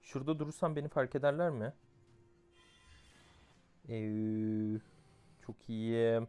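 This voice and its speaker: A young man giving casual commentary over his own mobile gameplay, excitable, going from muttered grumbling to shouted outbursts. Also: medium pitch, slow, smooth, faint music behind. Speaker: gamer playing a mobile game.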